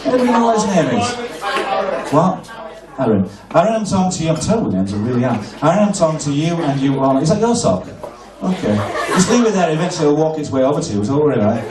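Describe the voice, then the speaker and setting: A man performing a live comedy hypnosis show on stage, mixing crude, cheeky banter with slow hypnotic patter. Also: fairly high pitch, very animated. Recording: echoey venue from far off, loud crowd. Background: laughing audience.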